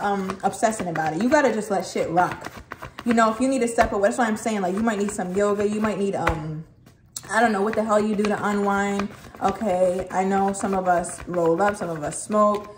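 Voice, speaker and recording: A woman talks through a tarot spread in a loose, emphatic way, swearing freely and dropping "okay" after nearly every point. Her voice sits at an ordinary middle pitch. The room gives it a noticeable echo, and there is a faint hiss underneath. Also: fairly quick. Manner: chatty, emphatic, swears casually, repeats "okay". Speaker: tarot reader. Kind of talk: casual tarot reading to camera. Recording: echoey room, faint noise.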